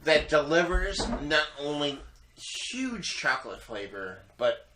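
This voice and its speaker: A man with a bright, forceful voice hosts a casual beer review. He rambles in a loose, tipsy way, repeating phrases. The room is echoey, with some background noise. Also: a little high, very animated, measured pace. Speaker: beer reviewer, show host.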